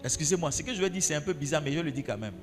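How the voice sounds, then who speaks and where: A pastor with a fairly high voice preaches to his congregation. His pitch swings widely as he repeats his points and asks questions. Soft music plays underneath. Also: expressive, racing, long reverb tail. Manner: repeats key phrases for emphasis. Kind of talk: sermon.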